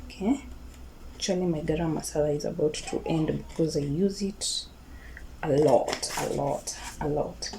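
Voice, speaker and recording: Speaking at a moderate pace in a low, mellow voice, a Kenyan woman with a Kikuyu accent gives a relaxed cooking tutorial for her recipe video. She tends to repeat her words, checks in with viewers, and mixes Swahili words into English. The recording, made at home, is clearly noisy with kitchen clatter.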